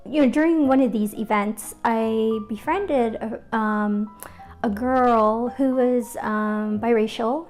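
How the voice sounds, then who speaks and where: A woman's voice: on the high side, a little mellow. A woman from the Philippines talking candidly and reflectively in a documentary interview, telling personal stories in a casual way. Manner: candid and conversational, reflective, with fillers and laughs. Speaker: interviewee, arts organizer.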